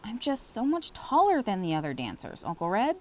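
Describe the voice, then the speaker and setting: Woman reading as a sassy girl dancer, quick comebacks, lively pitch, storybook. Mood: upset.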